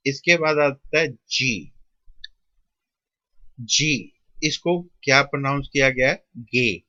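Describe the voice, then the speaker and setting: Slow, deliberate male shorthand tutor. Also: medium pitch, bright, forceful tone, no echo, dull audio. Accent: Indian Hindi-English mix. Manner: slow, drawn-out, repeats each sound with pauses. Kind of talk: step-by-step classroom explanation.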